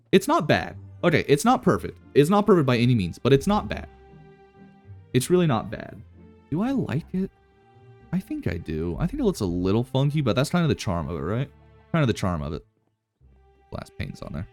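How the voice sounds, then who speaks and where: A Minecraft YouTuber with a low, gravelly, slightly mellow voice rambles casually through gameplay commentary and answers chat. He pokes fun at himself, then turns to boasting, coming across as self-deprecating yet playfully cocky.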